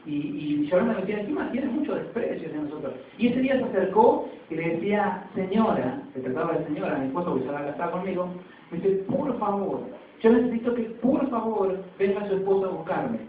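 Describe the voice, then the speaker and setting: Fervent Argentine pastor in an echoey hall. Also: male voice, high-pitched, expressive, fairly quick, a little hiss or hum. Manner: fervent, often tags "right?" onto phrases. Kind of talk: sermon. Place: church hall. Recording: tinny, echoey hall from far off.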